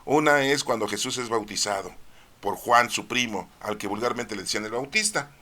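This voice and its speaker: A man explaining a Bible reading in a chatty, conversational way. He keeps checking in with his listeners and pauses on "este" while he looks for words. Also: on the low side, pushed and bright. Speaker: preacher.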